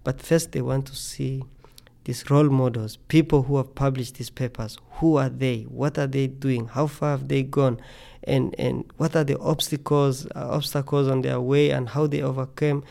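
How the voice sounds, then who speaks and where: Earnest Tanzanian-born scientist, gravelly voice. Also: male voice, mid-range voice, steady tone, moderate pace, mellow. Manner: earnest, repeats words when thinking. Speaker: scientist guest. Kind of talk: podcast interview.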